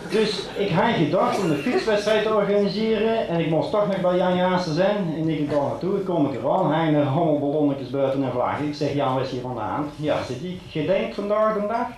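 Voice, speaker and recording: A carnival comedian delivers a stand-up monologue to a live audience in a large hall, his fairly high voice brisk and nearly pause-free. He's chatty and builds everything toward punchlines, cracking local jokes. The recording echoes around the hall, full of loud crowd laughter.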